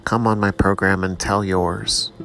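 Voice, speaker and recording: A man with a low, deep voice talks slowly through a rambling solo monologue as the host of his own show. He is self-mocking one moment and preachy the next, and faint music plays behind him. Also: level tone, vocal fry, a bit bright. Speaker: podcast host.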